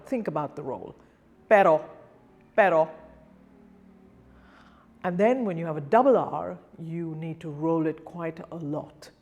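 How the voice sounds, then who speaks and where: A woman teaching singing diction, demonstrating each sound slowly and repeating the example words. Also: on the low side, mellow. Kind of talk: pronunciation lesson.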